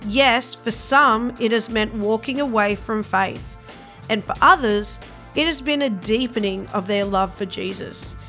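A woman's voice: a little high, a little slow, bright, forceful tone, soft background music. An Australian woman hosting a faith podcast, reading a scripted intro and then chatting eagerly with her guest. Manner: enthusiastic, earnest. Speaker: podcast host.

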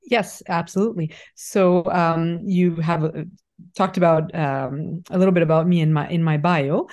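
A middle-aged woman from Haiti talks as a guest on an interview podcast. Her voice sits low, and she speaks in a thoughtful, halting way, often restarting her sentences. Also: fairly even intonation, darkish tone. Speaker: fertility doctor, podcast guest. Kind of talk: conversational interview.

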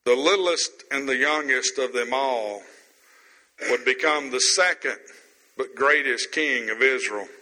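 A man preaching a sermon as pastor, stressing words slowly with pauses, in an empty room. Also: medium pitch, bright, forceful tone, long reverb tail, poor audio.

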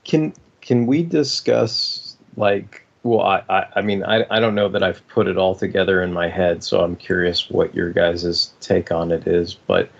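A man's voice: low-pitched, fairly even intonation, measured pace, gravelly, hardly any pauses. A man co-hosting a casual fan discussion, rambling and circling back to rephrase his points. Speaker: podcast co-host. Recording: slightly dull, lo-fi podcast audio.

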